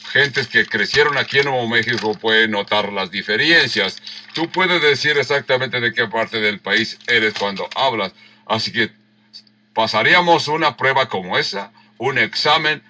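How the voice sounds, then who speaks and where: A man's voice: mid-range voice, lively intonation, sharp tone, slight background noise. A man, preaching a sermon and teaching verse by verse. He rereads the passage and explains words with emphatic repeats. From Mexico. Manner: unhurried, rereads verses and acts out the quoted lines. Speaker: pastor.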